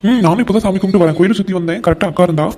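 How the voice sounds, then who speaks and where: A man voicing a cheeky, flirty younger brother in a cartoon, talking in a rapid, breezy, teasing way. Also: high voice, dark tone, slight background noise, natural voice. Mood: chatty. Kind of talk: animated cartoon voice acting.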